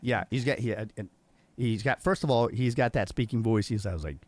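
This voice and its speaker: A man's voice: medium pitch, normal speed. A man hosting a casual livestream interview over a video call, chatty and upbeat, often repeating words and restarting his sentences. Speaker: livestream show host.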